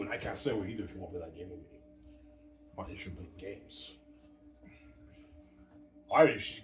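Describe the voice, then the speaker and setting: Man, 30s, deep and rambling home vlogger, swears a lot, distant mic in a boomy room with background noise. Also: echoey room. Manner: meandering, casual, swears, argues with absent people. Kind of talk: late-night rambling monologue. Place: room at home, family upstairs.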